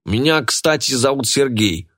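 A man voicing an easygoing truck driver who talks in a brisk, offhand way. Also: medium pitch, fairly bright tone, pitched above the performer's own voice.

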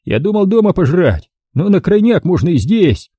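A man reading an audiobook, voicing a sullen, hungry male thug with a hoarse voice. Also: sits high, sing-song, moderate pace, dark tone, no room sound, pitched above the performer's own voice, heavily acted. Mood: sulky. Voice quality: hoarse, gravelly.

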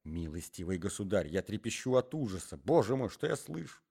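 Guy playing a fussy flustered gentleman, begging and anxious. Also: on the low side, very animated, brisk, vocal fry, slightly rough, heavily acted. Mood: pleading. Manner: anxious, imploring, formal phrasing. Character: flustered middle-aged gentleman, pleading and fussy.

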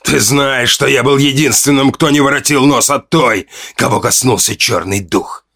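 A man voicing an enraged wounded young hunter. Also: moderate pace. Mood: hurt, pleading. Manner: shouting, shrill.

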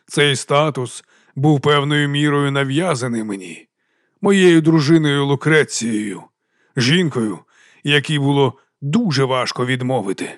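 A man voicing a dignified baron in his fifties who speaks with quiet authority and deep compassion. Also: no room sound, studio quality, lightly acted. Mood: calm. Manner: slow, quietly commanding, compassionate.

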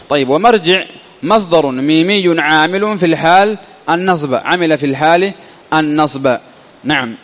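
A man's voice: fairly high pitch, big-room sound. A man teaching a classical grammar lesson, often repeating key phrases and answering his own questions. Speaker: teacher explaining Arabic grammar.

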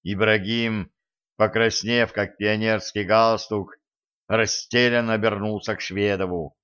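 A man narrating an audiobook in a measured, even reading. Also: lowish voice, smooth, lo-fi sound.

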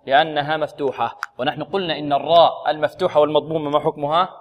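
A middle-aged man with a slightly high voice teaches Quran recitation, patiently quizzing his students and drilling single letter sounds over and over for them to repeat. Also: level tone, rapid-fire. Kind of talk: tajweed lesson with call-and-repeat drills.

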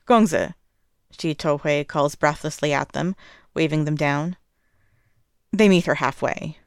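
A woman narrating fan fiction as an audiobook, expressive and measured. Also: low voice, clear, resonant tone, no echo, clean studio sound.

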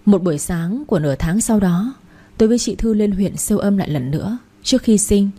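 Woman reading a first-person story out, mellow and a bit husky, steady plain telling. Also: medium pitch, fairly quick. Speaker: audiobook narrator.

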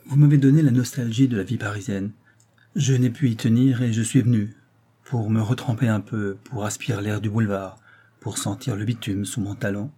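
A proud, cold young woman, as a male audiobook reader puts her on speaks from a storybook in a dry, clipped tone. The voice sits a little raised above the reader's own and stays dark and husky. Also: lowish voice, fairly even intonation, moderate pace. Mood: cool, proud.

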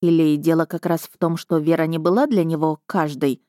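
A woman reading an audiobook in first person, with even, measured storytelling. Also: low voice, dry recording, clean studio sound. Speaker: audiobook narrator.

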